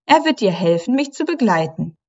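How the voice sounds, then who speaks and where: A woman's voice: medium pitch, sing-song, moderate pace, muffled recording. A woman voicing a cheerful little girl mermaid in a bubbly, eager way. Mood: joyful.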